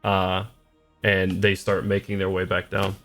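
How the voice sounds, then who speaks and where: A man with a fairly low voice runs a tabletop game. He improvises the narration haltingly, searching for words, over soft music. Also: completely flat delivery. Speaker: game master.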